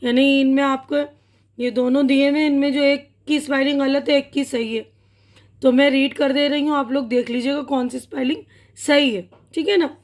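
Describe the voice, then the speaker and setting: A woman's voice: high-pitched, steady tone. A woman with a Pakistani Urdu accent teaching English vocabulary and pronunciation, patiently reading word lists aloud and checking in with her students. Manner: patient, repeats words slowly, checks in with "theek hai na".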